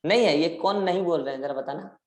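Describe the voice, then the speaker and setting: A man's voice: fairly high pitch, fast. Guy teaching a bio class, keeps quizzing the kids, stretches out words, roomy echo. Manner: quizzing, drawing out key words for emphasis. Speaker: biology teacher. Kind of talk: live interactive class lecture.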